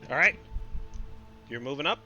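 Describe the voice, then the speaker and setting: A man's voice: mid-range voice, lively intonation, normal speed, bright, forceful tone. A man acting as game master, casually narrating a tabletop game. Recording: dull lo-fi audio, faint music. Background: faint music.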